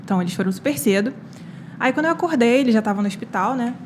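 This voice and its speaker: A woman's voice: a little high, rapid-fire, slight background noise. A young Brazilian woman, a medical student guest, telling a personal story on a casual podcast with many quoted lines and fillers. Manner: animated retelling with quoted dialogue and many fillers.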